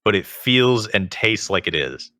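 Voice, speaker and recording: The guest, a self-taught singer, speaks with big pitch swings in a very low, forceful, bright voice edged with vocal fry. In this conversational interview he explains things measuredly with added qualifications, and the close, dry sound has no echo.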